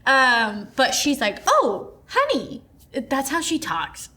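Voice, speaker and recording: A woman co-hosting a casual book podcast, retelling the plot with quick quoted asides. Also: high voice, lively intonation, bright, forceful tone. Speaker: podcast co-host. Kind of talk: casual book club chat.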